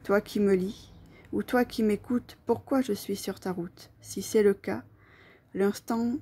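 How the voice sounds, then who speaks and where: Soft, mellow, breathy woman storyteller. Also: mid-range voice, fairly even intonation, unhurried. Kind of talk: soft poetic storytelling narration, addressing the listener as "you".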